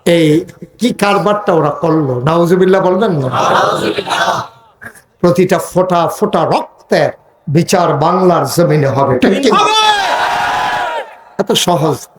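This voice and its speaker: Man, preacher, rousing sermon, call-and-response, somewhat high voice, echoey hall. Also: takes it slowly, pauses often, a little hiss or hum. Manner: rousing, call-and-response with the crowd, chanting stretches. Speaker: Islamic preacher.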